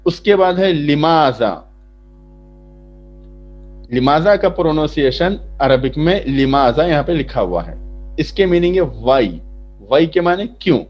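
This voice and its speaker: A man teaching from a chart, slowly explaining each word and asking then answering his own questions. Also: a little high, animated. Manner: slow, repetitive explaining, asks then answers. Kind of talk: lesson explaining a vocabulary chart. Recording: dull lo-fi sound.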